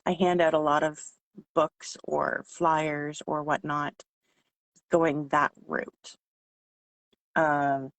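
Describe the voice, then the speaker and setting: A woman whose voice is hoarse and giving out, talking informally as a trainer explaining sales tips. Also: sits low, no echo. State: losing her voice, hoarse. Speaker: sales trainer for direct-selling consultants.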